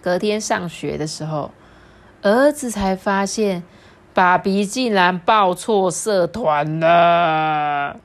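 A woman reading a children's picture book aloud in an animated, playful way. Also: on the low side, slow pace, creaky. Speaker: storyteller.

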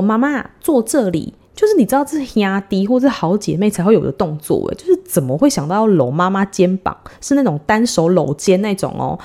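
A woman in her thirties, a podcast host, telling a personal story in a chatty, giggly way with drawn-out dramatic pauses. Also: mid-range voice, dark tone.

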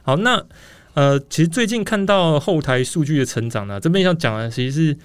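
A man's voice: a little high, animated, a little fast, smooth, no echo. A man with a Taiwanese Mandarin accent hosting a casual podcast in a rambling, explanatory way, slightly muffled by a face mask. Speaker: podcast host.

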